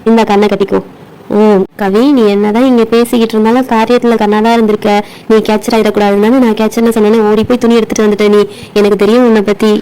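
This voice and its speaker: A woman's voice: medium pitch, flat delivery, fast, dark tone, smooth, close to an everyday voice, rough recording. Woman voicing a teasing, bossy doll girl. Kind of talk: doll play storytelling.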